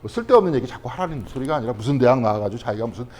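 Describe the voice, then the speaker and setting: A man's voice: medium pitch, animated, rapid-fire, darkish tone. A male pastor teaching a Bible study class in a conversational way. He keeps asking the class questions and then answers them himself. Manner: conversational, checking in with frequent tag questions.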